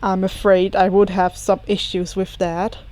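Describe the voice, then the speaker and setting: A woman's voice: medium pitch, flat delivery, a little slow, darkish tone, dry recording, voice pushed down, lightly acted. A woman voicing a composed, courteous male supervillain mastermind who speaks in a formal, dryly polite way. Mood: dryly amused.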